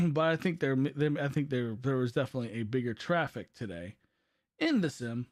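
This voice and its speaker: This live streamer's mid-range voice is expressive but worn out from overuse, and he speaks at a normal speed. Recorded at studio quality without room sound, he chats rambly through live gameplay, self-correcting as he goes.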